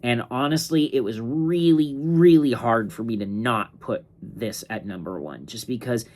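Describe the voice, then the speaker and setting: A sleepy, yawning young man rambles slowly through a casual monologue ranking comics, full of fillers and restarts. His voice is medium in pitch with a darkish tone.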